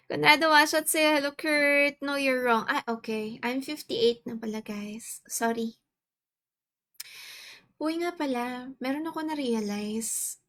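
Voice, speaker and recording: A Filipino woman in her forties with a Filipino accent, chatting casually on a livestream and greeting viewers; her voice is soft and quiet, her throat a bit sore. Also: high-pitched. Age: 40s. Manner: chatty, mixes Tagalog and English, greets viewers by name. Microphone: earphones with mic.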